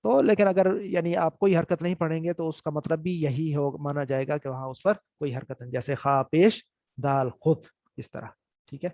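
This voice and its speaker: Man slowly spelling out reading drills. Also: on the high side, fairly even intonation, darkish tone, no room sound, studio quality. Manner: spells out letters and vowel marks slowly, then speeds up to explain; keeps checking in with "ٹھیک ہے". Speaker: Quran reading teacher. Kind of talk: recorded reading lesson.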